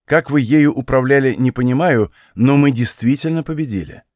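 A man voicing a calm, formal old servant with a dry ironic manner. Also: mid-range voice, normal speed, dry recording, lightly acted.

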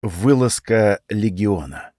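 A man narrating an audiobook in an expressive first-person storytelling voice. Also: fairly low pitch, takes it slowly, dry recording, clean studio sound. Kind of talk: scripted narration.

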